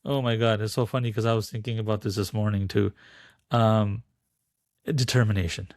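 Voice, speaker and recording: A man's voice: lowish voice, moderate pace, dry recording, studio quality. A man speaking as a podcast guest, explaining spiritual teachings and telling a parable, acting out the voices in his story. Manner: animated storyteller, acts out quoted voices.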